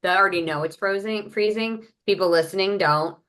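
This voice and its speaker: A woman on a video call, a podcast guest, explaining her business methods in a brisk, practical way. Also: medium pitch, fairly bright tone. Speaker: podcast guest, marketing entrepreneur. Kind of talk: conversational interview.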